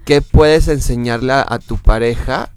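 A Mexican therapist talking as a guest in a casual chat, explaining calmly with examples and fillers. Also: male voice, mid-range voice, measured pace, music in the background. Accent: Mexican Spanish.

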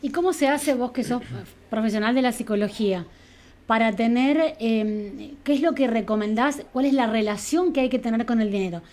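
An Argentine woman interviewer with a slightly raised pitch asks long, winding questions, building each one over several clauses. She sounds like a host leading a conversation. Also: moderate pace, darkish tone. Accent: Argentine Spanish.

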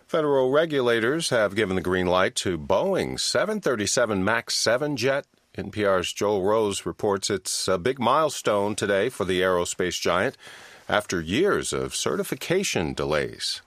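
A man's voice: on the low side, sing-song, normal speed, fairly bright tone, no room sound, clean studio sound. A man with an American accent anchoring a scripted radio newscast. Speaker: news anchor. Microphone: close studio microphone.

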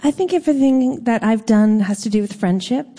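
A woman's voice: fairly high pitch, a little fast, warm tone. A playful, jokey woman, chatting and laughing as a musician guest on a live stage. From Toronto, Canada. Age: 50s. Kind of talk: live stage interview chat. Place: theater stage before an audience.

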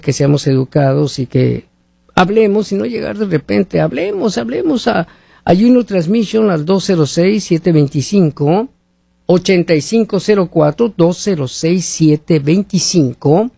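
High-voiced and mellow with vocal fry, the host rambles on talk radio, reading ads for sponsors and posing rhetorical questions to listeners. He's a man from Mexico living in the United States, and the recording is dry.

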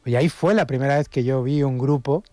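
Middle-aged man, radio co-presenter, mellow low-key tone, rambling casual talk. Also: brisk, dry recording. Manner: relaxed, rambling with self-corrections. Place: radio studio.

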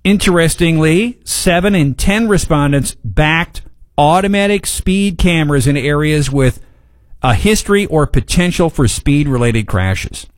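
A man with a smooth radio host delivery, talking through news items and the weather on a morning radio show from a studio microphone. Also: on the high side, animated, unhurried, no room sound.

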